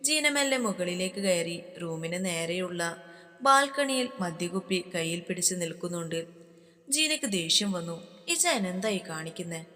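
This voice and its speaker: A woman narrating a romance story with soft, steady storytelling. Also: lowish voice, measured pace. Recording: long hall reverb.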